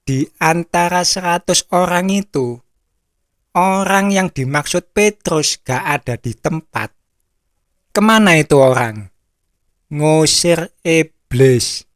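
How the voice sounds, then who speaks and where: A man preaches in a blunt, repetitive storytelling manner, taking each phrase very slowly. His voice sits a little high and sounds dry and close to the mic, with no room echo. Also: expressive. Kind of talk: sermon.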